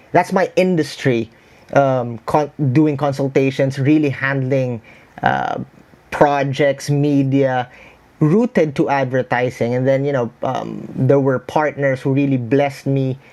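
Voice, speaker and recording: A man with a Filipino accent speaks at a middling pitch. He talks like a consultant being interviewed, explaining step by step and stressing points with repetition and lists. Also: fairly even intonation, slow, a little mellow. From Philippines. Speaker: branding consultant.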